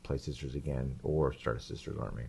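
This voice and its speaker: Low-voiced male podcast co-host, rambling animated storyteller, casual. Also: fairly quick, creaky, slightly rough. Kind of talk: casual chat.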